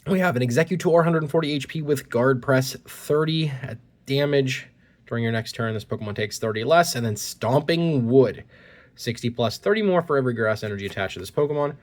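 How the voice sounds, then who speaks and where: A man speaks briskly in an expressive, mid-range voice while tearing into trading cards, reading the text aloud in a casual way. A mild cold leaves him a little congested, and the audio comes from a point-of-view phone recording.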